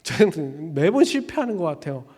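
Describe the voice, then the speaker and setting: A man's voice: fairly high pitch, very animated, fairly quick, darkish tone, breathy edge, in a large hall. A man preaching a Sunday sermon as pastor, in a casual, conversational way with many fillers, animatedly acting out little dialogues. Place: church sanctuary.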